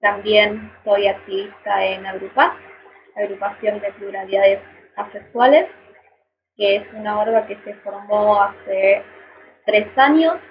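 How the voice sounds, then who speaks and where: A woman of twenty-nine, calmly introducing herself on a video call panel. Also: mid-range voice, unhurried. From Argentina. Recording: lo-fi call audio with background noise.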